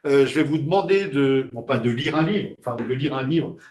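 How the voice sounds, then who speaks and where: Male lecturer, halting delivery with fillers, echoey classroom sound. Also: medium pitch, lively intonation, darkish tone. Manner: hesitant, many fillers and restarts.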